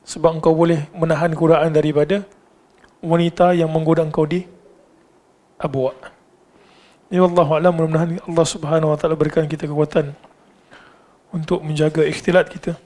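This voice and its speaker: Animated Malaysian Malay male lecturer, slightly high voice. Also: gravelly. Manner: animated storyteller, asks the audience questions. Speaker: religious lecturer. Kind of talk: Islamic lecture storytelling.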